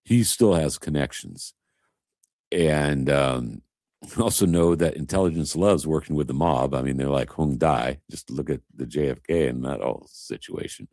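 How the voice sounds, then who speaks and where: A man's voice: very deep voice, normal speed, a little mellow, no room sound, studio quality. A man chatting casually as a host, an emphatic, rambling storyteller. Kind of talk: casual chat.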